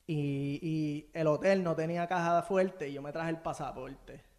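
A man's voice: a little high, measured pace, crowd noise. A young man with a Puerto Rican accent, a podcast guest telling a story in casual, slangy talk and acting out the voices of the people in it. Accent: Puerto Rican Spanish. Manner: animated, slangy, acts out voices in retelling.

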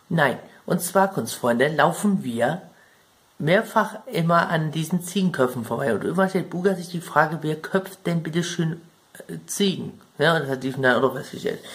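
A man with a German accent talking casually about video game plot points, chatty and rambling, often turning to address his viewers directly. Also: a little high. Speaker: gaming video creator.

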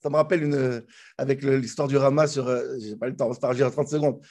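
A man teaching a Torah class, explaining the commentaries in a lively way that often restarts and jumps in pitch. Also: quick pace.

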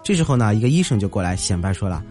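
A man hosting a show, telling comic anecdotes in a lively storytelling manner and mimicking the people in them. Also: on the low side, racing. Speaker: host. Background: faint music.

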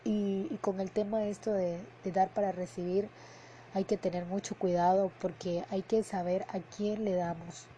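Earnest woman podcast host, mellow voice. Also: medium pitch, little pitch movement, normal speed, slight background noise, low-quality recording. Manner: earnest, heartfelt, repeats words for emphasis; tags sentences with a questioning "no?". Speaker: podcast host and emotional coach. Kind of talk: casual spoken podcast monologue. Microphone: headphones and podcast mic.

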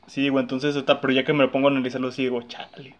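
Fast-talking young Mexican man. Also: mid-range voice, little pitch movement. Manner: slangy storytelling, heavy on fillers. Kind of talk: casual chat.

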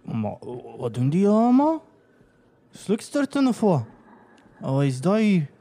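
A man's voice: medium pitch, very animated, takes it slowly, warm tone. Man doing a puzzled, curious guy. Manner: puzzled, questioning.

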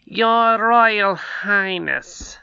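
A man voicing a sly goblin counselor in a storybook reading, speaking in a slow, unctuous, measured way. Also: high voice, vocal fry, sharp tone, clean tone, muffled recording, voice pushed up, heavily acted. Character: sly, oily goblin counselor, older male courtier.

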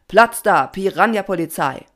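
A woman voicing a stern, proud male piranha police chief who barks his orders loudly. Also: medium pitch, lively intonation, moderate pace, natural voice. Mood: commanding. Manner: loud commanding barking.

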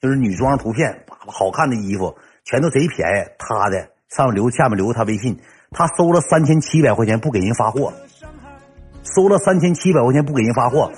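A man with a Northeastern Mandarin accent telling a comic personal story in a rough, slangy ranting way. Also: medium pitch, lively intonation, a little fast, a little mellow, faint music behind.

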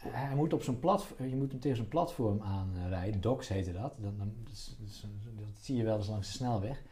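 A man's voice: fairly low pitch, moderate pace, dark tone. A middle-aged man explaining things casually in conversation, often restarting phrases and repeating words. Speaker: interview guest, doctor.

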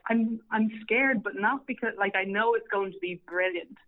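A woman's voice: fairly high pitch, moderate pace. A young woman, a podcast guest and entertainment writer, chatting casually with plenty of fillers and laughs. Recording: slightly dull lo-fi audio.

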